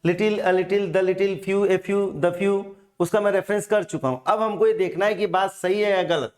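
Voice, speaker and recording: Male grammar teacher, higher-pitched, deliberate, stretches out example words, asks and answers his own questions. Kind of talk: exam-prep grammar lesson.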